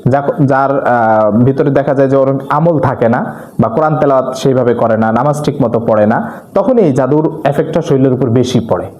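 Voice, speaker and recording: A man preaching a religious talk, earnestly urging listeners and slowly reciting Arabic supplications. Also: mid-range voice, a little mellow, echoey room. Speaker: Islamic preacher.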